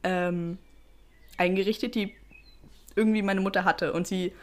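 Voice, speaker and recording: A woman's voice: medium pitch, fairly even intonation, a little slow. Young woman telling stories casually. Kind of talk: casual, anecdotal chat.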